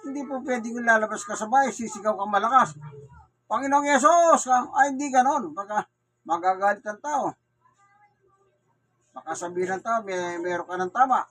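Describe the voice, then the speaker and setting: At a neighborhood gathering in Manila, a man with a Filipino accent preaches from the Bible in the street, frequently asking the crowd questions and then supplying the answers. He speaks in a high voice at a brisk pace, and his tone is fairly bright.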